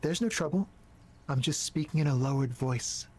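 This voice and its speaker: A man voicing a nervous young man on a balcony in a video game, speaking low and evasively. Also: normal speed, breathy edge. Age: young adult. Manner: hushed, evasive.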